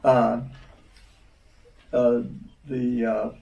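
Older man, guest, halting recollections, gravelly. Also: medium pitch, flat delivery, dark tone, echoey room, recorded from a distance, poor audio. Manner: halting, many restarts. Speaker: interview guest. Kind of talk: reminiscing conversation.

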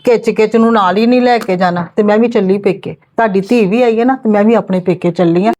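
A woman's voice: medium pitch, a little fast, dark tone, highs cut off, lightly acted. A woman playing an overworked daughter-in-law who lectures and complains at her husband's sister in a family skit. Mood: indignant. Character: overworked, fed-up young wife arguing with her in-laws.

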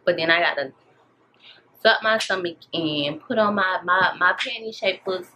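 A woman's voice: lowish voice, normal speed, sharp tone. An American woman in her thirties vlogging casually, chatting in slangy girl-talk to her viewers. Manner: slangy, girl-chat way of talking, addressing viewers as y'all. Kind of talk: casual chatty get-ready-with-me vlog. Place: bedroom at home, indoors. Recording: dull audio with room noise.

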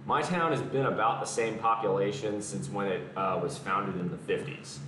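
At a normal speed and with a voice on the low side, a young man from the American South chats casually during his home gym live stream, fielding comments between exercises. As a fitness streamer using a camera mic at a distance, he comes through with garage echo and a noisy background.

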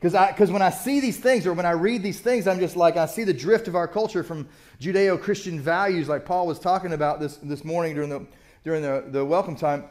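A man's voice: high voice, fairly quick, darkish tone. Chatty older man preaching a sermon. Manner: conversational, self-deprecating storytelling. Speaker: pastor. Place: church sanctuary.

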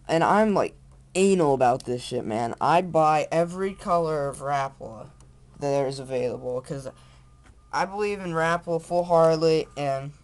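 A man's voice: a little high, normal speed. A young man rambling enthusiastically while showing off fishing lures on a handheld camera at home, with lots of fillers and restarts. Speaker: fishing vlogger. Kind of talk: casual off-camera product show-and-tell. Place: small room indoors at home. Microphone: handheld camera built-in mic.

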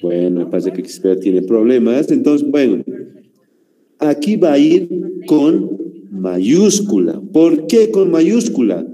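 A man's voice: medium pitch, very animated, dark tone, long reverb tail, rough recording. A man with a Bolivian Spanish accent teaching an online grammar lesson, explaining step by step and checking in with his students after every point. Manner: slow explaining teacher, asks rhetorical questions ending in ¿no?.

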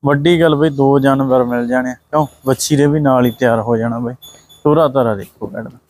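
A Punjabi-accented man talks through cattle for sale in a farmyard, echoing answers and heaping praise on each animal. His voice sits at a middling pitch. The sound is close and dry, with little room echo. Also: fairly even intonation, brisk, darkish tone. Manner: repetitive, praising, echoes answers. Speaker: livestock video host. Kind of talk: casual livestock sales walkthrough. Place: outdoor dairy farm yard.

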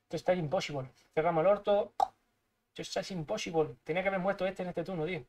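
A young man from Spain with a Spanish accent, giving live gameplay commentary, excitable and swearing, muttering to himself as he plays. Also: high voice, fast. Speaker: streamer.

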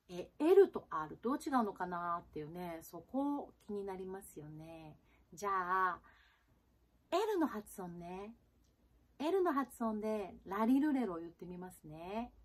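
A woman from Japan, a jazz singer and pronunciation teacher, giving a friendly video lesson with lots of fillers and soft asides. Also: medium pitch. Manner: chatty, with frequent fillers and soft tag particles; slow, drawn-out sound demonstrations.

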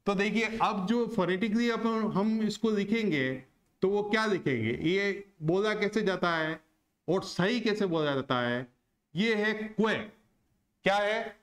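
A man teaching a lesson on word stress, slow and deliberate, who asks questions and answers them himself. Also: high voice. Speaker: English teacher.

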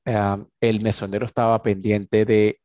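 A man, teaching English at an unhurried, deliberate pace. His English model phrases come out slow and stretched. The sound is dry and close, with no room echo. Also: fairly low pitch, flat delivery, darkish tone. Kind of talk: recorded online lesson.

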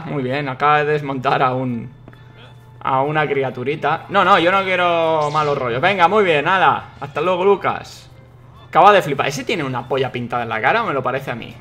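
A young man commentates a video game, excitable and quick to swear and shout at what happens on screen. His voice sits a little high for a man. Faint game music plays underneath. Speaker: gaming YouTuber. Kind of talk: let's play commentary.

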